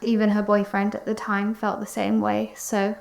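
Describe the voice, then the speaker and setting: A woman playing a grieving young friend in a mock-documentary interview, hesitant and subdued, with a creaky voice. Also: mid-range voice, completely flat delivery, normal speed, natural voice. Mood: subdued, resigned.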